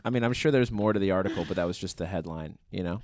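A man on a podcast reading out news headlines in a measured way. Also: deep voice, darkish tone, no echo. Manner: measured, reads headlines aloud. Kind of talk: casual chat.

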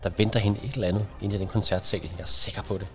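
A man's voice: lowish voice, fairly even intonation, faint music behind, close to an everyday voice. A man doing a firm, commanding woman leader. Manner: firm, clipped.

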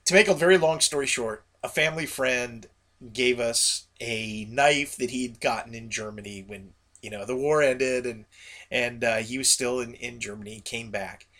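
Speaking at a normal speed, a podcast host chats to his regular listeners in a relaxed, folksy solo monologue that wanders as it goes. His voice sits at a medium pitch and sounds gravelly, bright, and hard-edged.

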